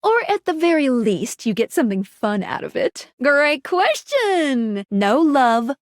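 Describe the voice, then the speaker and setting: Perky high-voiced game guide Skylar. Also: female voice, moderate pace, dry recording, studio quality. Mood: cheerful, explanatory. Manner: bubbly, teasing, expressive delivery. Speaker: tutorial guide and dating sim character. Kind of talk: scripted video game character dialogue.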